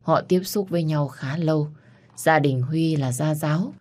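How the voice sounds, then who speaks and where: A woman narrating a somber romance audio story in a steady, scripted reading. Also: low-pitched, unhurried.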